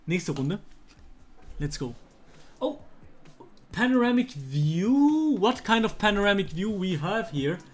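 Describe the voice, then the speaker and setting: A young man, talking casually to his chat while playing a guessing game, excitable and slangy. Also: high voice, slow pace, long pauses. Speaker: streamer. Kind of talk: casual gameplay commentary. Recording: faint music underneath.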